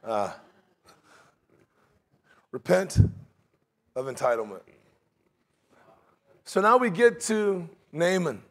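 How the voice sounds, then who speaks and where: A man's voice: sits high, big pitch swings, slow pace, long pauses, a bit bright. A middle-aged man preaching a sermon in a large church sanctuary, talking in a conversational way and slipping into mocking voices for his examples.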